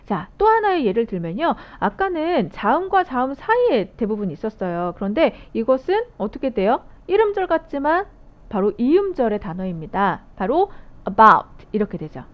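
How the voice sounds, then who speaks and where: A woman's voice: a little high, very animated, moderate pace. A woman giving a recorded phonics lecture to teachers, explaining rules step by step and asking her viewers questions. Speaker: phonics instructor training teachers. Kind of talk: video lecture. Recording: dull lo-fi audio.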